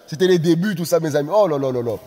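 A man preaching a live-streamed sermon, exclaiming and repeating phrases, often rising into shouted appeals. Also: a little high, animated, racing. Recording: reverberant room with faint music.

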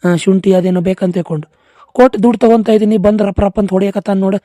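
Brief: voice actor as a wronged young student, fast, mellow, North Karnataka accent, a bit off-mic. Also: medium pitch, steady tone, no room sound, studio quality, close to an everyday voice. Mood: aggrieved. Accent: North Karnataka Kannada. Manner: complaining, rapid. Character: aggrieved young male student complaining to his mother.

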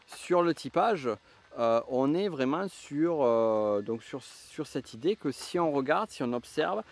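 A middle-aged man from the southwest of France speaks with a southwestern French accent, his voice sitting at an ordinary mid-range pitch. He coaches the listener through a reflective explanation, often hesitating and starting his sentences over as he thinks aloud. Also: lively intonation, a little slow. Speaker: enneagram coach and trainer. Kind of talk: reflective teaching monologue.

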